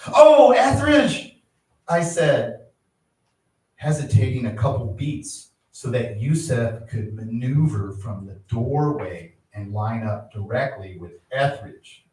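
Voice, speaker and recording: An older man reads his own memoir at a live event, pacing his sentences like a storyteller and lifting his voice for the big moments. He sounds far from the microphone, and a heavy echo from the space surrounds him. His pitch sits in an ordinary middle range for a man. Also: mellow. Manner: measured storytelling with dramatic swells of pitch and volume. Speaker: poet reading his memoir. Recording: very echoey room, voice from far off.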